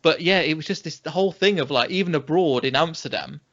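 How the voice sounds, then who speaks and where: A young man from England with a British accent, telling lively anecdotes as a podcast co-host in casual chat. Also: a little high, fast. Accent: British English. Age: young adult. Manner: animated anecdote-telling, acts out quoted reactions. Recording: dull lo-fi podcast audio.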